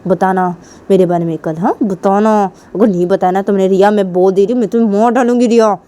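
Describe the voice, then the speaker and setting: A woman's voice: mid-range voice, steady tone, quick pace, warm tone, lightly acted. A woman voicing an angry young woman who scolds her girlfriend insistently. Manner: scolding, insistent, repeats the name.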